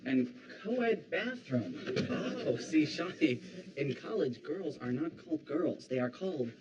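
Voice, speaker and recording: A young man playing an earnest, excitable college freshman in a sitcom. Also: a little high, unhurried. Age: young adult. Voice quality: earnest, over-dramatic. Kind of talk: sitcom acting. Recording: dull noisy distant sitcom audio.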